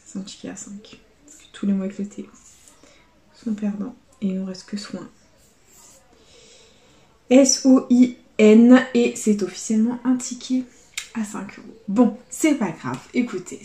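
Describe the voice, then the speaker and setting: A young woman chatting to her viewers as she scratches lottery tickets, her voice sitting at an ordinary mid pitch. She spells out letters one by one, fretting and cheering in turn. The room around her sounds noticeably echoey. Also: measured pace, pauses often. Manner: lively, swings between dread and excitement, spells out letters. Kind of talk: casual commentary to viewers.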